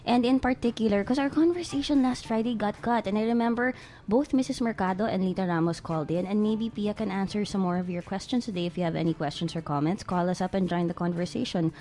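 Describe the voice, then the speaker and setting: A woman's voice: medium pitch, fast talker, hardly any pauses, warm tone. A woman hosting a radio talk show in a studio, chatting casually and rambling with fillers and restarts.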